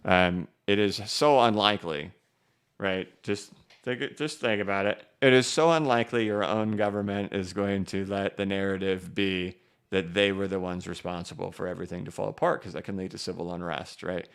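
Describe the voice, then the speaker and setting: A man's voice: sits low, steady tone, normal speed, clean tone. A man hosting a casual live market stream, rambling with many fillers and "right?" tags. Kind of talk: casual livestream commentary.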